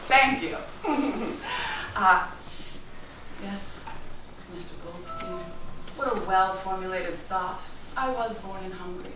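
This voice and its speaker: A woman's voice: a little high, natural voice. A woman playing a boastful, vain male escape artist, speechifying in a grandiose, self-important way in a stage monologue. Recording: echoey distant stage recording, noisy.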